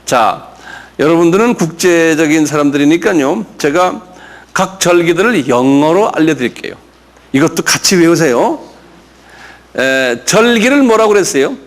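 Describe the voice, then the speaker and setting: Lively high-voiced pastor teaching slowly. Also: male voice. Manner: drills pronunciation, quizzes listeners, chuckles. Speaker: pastor teaching a Bible class. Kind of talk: classroom lecture with audience questions.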